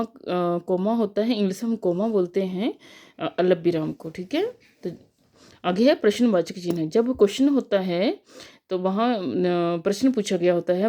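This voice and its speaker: A young woman teaching a grammar lesson, explaining patiently with fillers and slowing down on examples. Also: mid-range voice, dark tone. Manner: patient, repeats "ठीक है" and "अ" fillers, slows on examples.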